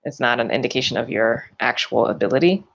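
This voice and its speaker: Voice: mid-range voice, quick pace, creaky, a bit bright, muffled recording. A tarot reader giving a loose, chatty forecast, full of fillers and restarts and yawning often.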